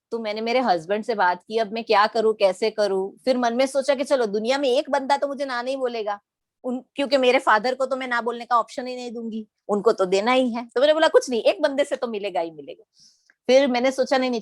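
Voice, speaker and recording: A middle-aged woman from Gujarat sharing her personal story in a lively storytelling manner, acting out the quoted lines. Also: fairly high pitch, no room sound. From Gujarat, India. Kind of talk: personal testimony talk.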